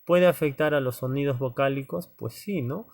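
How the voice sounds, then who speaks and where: A man's voice: mid-range voice, normal speed, vocal fry, a little mellow. A male teacher lecturing students informally, checking in with frequent tag questions and fillers and speaking to them directly. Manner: conversational, many "¿no?" tags and fillers; addresses students directly as "joven".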